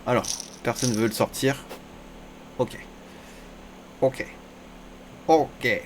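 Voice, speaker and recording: A man narrates his own online poker session as it unfolds, half to himself and half to the players. His talk is casual and crude. Every bad bet sends his voice up into a sudden high-pitched squeal. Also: fairly even intonation, slow pace, slight background noise. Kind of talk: live gameplay commentary.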